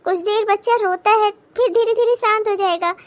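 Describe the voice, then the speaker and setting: A woman's voice: extremely high pitch, fairly even intonation, a little fast. A woman voicing a tired young mother in a cartoon, who talks in a pleading, anxious way. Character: tired young mother, the elder sister-in-law.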